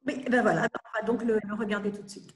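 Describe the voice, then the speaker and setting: A woman's voice: medium pitch, flat delivery, fast. Middle-aged woman hosting, roomy sound. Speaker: host of an online award ceremony. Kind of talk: spontaneous presenting. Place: indoors, in front of display banners. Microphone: video call at some distance. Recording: roomy video-call audio.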